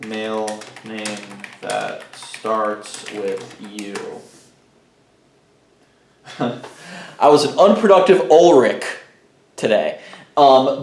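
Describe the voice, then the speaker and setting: A young man talks to his camera in a loose, rambling vlog. He thinks out loud, trips over his words and starts sentences over. His voice sits at an ordinary middle pitch, and the room gives it a noticeable echo. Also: a little hiss or hum. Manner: rambling, restarts, thinks aloud. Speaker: vlogger. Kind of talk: casual vlog talk to camera. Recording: echoey room.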